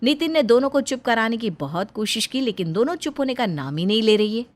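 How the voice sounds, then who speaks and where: A woman giving scripted storybook narration for a cartoon, plain and even, speaking to viewers. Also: a little high, a little fast.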